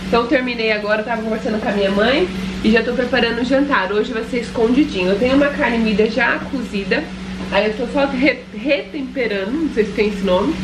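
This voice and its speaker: A young woman from Brazil with a São Paulo accent, chatting casually in a home vlog, emotional and often dropping to a soft murmur. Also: on the high side, background noise. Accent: Brazilian Portuguese, São Paulo. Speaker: vlogger. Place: home, indoors.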